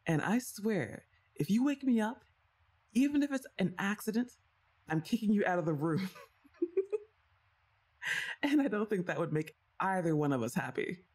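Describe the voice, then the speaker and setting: In a scripted ASMR roleplay, a young woman addresses the listener directly in a teasing, playfully bossy way, sighing and laughing softly between lines. Her medium-pitched voice rises and falls a lot with lively intonation, at a moderate pace with long pauses.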